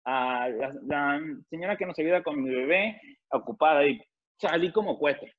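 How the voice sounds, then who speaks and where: A man with a Mexican Spanish accent telling an animated, emphatic story as an interview guest over a video call, mixing in English phrases. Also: fairly high pitch, normal speed. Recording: muffled video-call audio.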